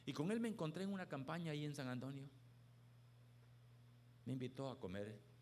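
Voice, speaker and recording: A man's voice: on the high side, animated, fairly quick, slight background noise. Emphatic male pastor preaching. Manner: emphatic storytelling preacher, swinging between hushed and loud. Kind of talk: sermon.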